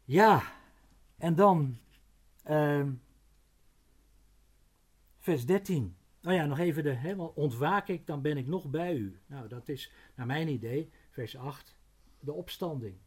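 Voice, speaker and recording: A middle-aged man with a voice on the high side preaches a Bible sermon. He is unhurried, slows down to stress words, and often adds small tag questions and restarts.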